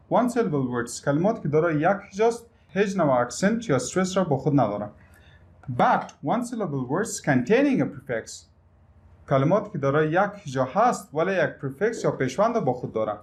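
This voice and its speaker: A man teaching English pronunciation, explaining rules slowly and repeating example words with heavy stress. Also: high-pitched. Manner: explains slowly, switching between English and Dari. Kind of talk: language lesson.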